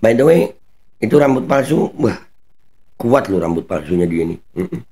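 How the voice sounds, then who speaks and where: A man's voice: fairly low pitch, sing-song, normal speed, warm tone. A man giving heated commentary as a channel host, talking bluntly in mocking street slang and swearing now and then.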